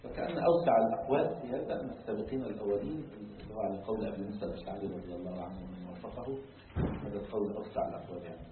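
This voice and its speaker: A man giving a lecture on Quran commentary, explaining at length, filling pauses with a drawn-out "ah" and checking in with the class through rhetorical questions. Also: on the low side, slight background noise. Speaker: religious teacher. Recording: distant, echoey, tinny phone-like lecture recording.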